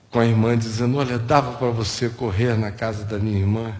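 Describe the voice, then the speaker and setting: A man preaching a sermon, telling stories in an animated way and jumping high in pitch at emotional moments. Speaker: pastor. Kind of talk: sermon with storytelling. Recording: long hall reverb.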